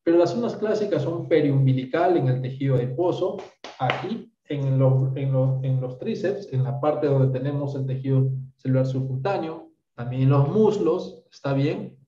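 A Peruvian doctor in his thirties, speaking Peruvian Spanish, teaches an online medical workshop and answers questions. His mid-range voice is warm and moves at normal speed as he explains things step by step, often checking with "¿está bien?". The video call audio sounds roomy, distant, and dull.

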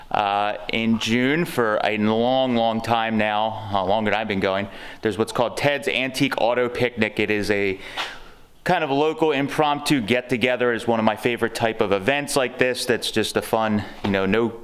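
A man in his thirties from Pennsylvania, hosting a casual garage vlog and giving a rambling, easygoing update with plenty of fillers, filmed at arm's length in a large cluttered car shop. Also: mid-range voice. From Pennsylvania, USA. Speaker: garage owner and vlog host. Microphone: camera at arm's length.

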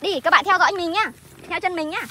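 A woman hosting a playful vlog outdoors in a farm field, chatty and excited, often calling out to her viewers. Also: very high voice, fast talker. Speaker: vlog host. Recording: noisy outdoor recording.

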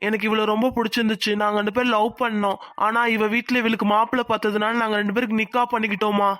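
A man's voice: high voice, flat delivery, quick pace, fairly bright tone, no echo, clean studio sound. A man voicing an earnest young cartoon son. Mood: nervous. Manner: earnest, eager. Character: young son, nervous then grateful.

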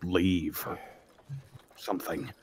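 A man's voice: low-pitched, little pitch movement, slow, darkish tone, a little hiss or hum. A man playing a tabletop game, mixing casual roleplay with narration of his character.

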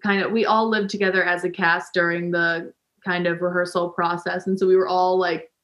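A woman's voice: on the low side, level tone, normal speed, a bit bright, roomy sound. This is a young woman in her twenties, talking casually as an interview guest. She is chatty and sometimes laughs as she speaks. She is recorded through a webcam at home. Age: 20s. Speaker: guest, professional dancer. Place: indoor living room. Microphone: video call webcam.

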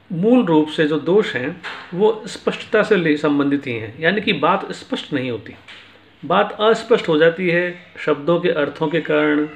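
Man explaining logic, slightly high voice. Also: creaky. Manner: patient, explains with everyday examples. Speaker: philosophy teacher. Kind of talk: explanatory lecture.

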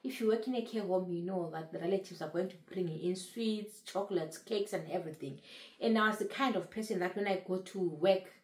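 A vlogger in her late thirties talks casually to camera about her weight-loss journey, earnestly repeating phrases for emphasis. Her voice is on the low side, brisk and a little mellow, with a roomy sound.

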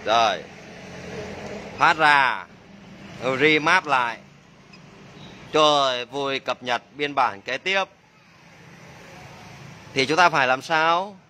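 A man's voice: medium pitch, animated, takes it slowly, pauses often, pushed and bright, a little hiss or hum. A man working as a motorbike mechanic, demonstrating a repair and joking and exclaiming to himself as he works. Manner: chatty, jokey, exclaims under his breath.

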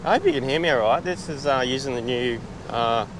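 An Australian man talks his way through a travel vlog outdoors, easygoing and rambling, full of fillers. His voice sits in a middle pitch, and a faint hum of wind and passing cars runs under it. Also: expressive, a little fast. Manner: chatty, laid-back, with many fillers and restarts. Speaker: travel vlogger. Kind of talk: casual vlog narration. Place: outdoors on a beach. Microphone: small camera-mounted mic.

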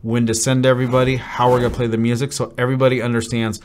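A man's voice: mid-range voice, level tone, rapid-fire, a little hiss or hum. Upbeat man explaining wedding DJ plans. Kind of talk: venue overview talk to camera. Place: dim studio set with brick wall.

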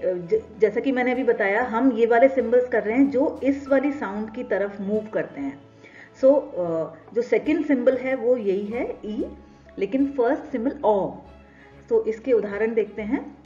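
Indian woman teacher, kinda high voice, patient, goes over sounds again and again. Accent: Indian English. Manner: patient, repeats examples slowly. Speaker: English phonetics teacher. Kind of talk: explanatory lesson, mixing Hindi and English. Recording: slightly dull lo-fi recording with soft background music.

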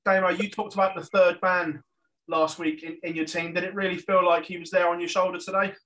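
A man's voice: high-pitched, level tone, brisk, sharp tone. A man asking conversational questions as a sports interviewer. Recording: distant from the microphone.

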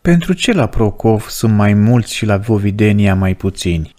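A man reading as a calm, questioning monk. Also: lowish voice, lightly acted. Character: calm, inquisitive male monk.

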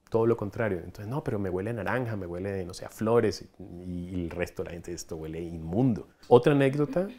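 A man in his forties from Ecuador with a coastal Ecuadorian accent, telling stories with animated enthusiasm in a documentary interview, recorded on a lapel mic in a room lined with specimen cabinets. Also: on the low side. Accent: Ecuadorian coastal Spanish. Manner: animated, enthusiastic storytelling with hand gestures. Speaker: entomologist, collections coordinator.

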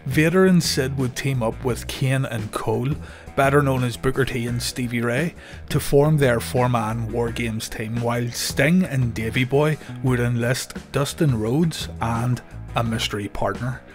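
A man's voice: mid-range voice, unhurried, faint music behind. Man narrating a wrestling documentary.

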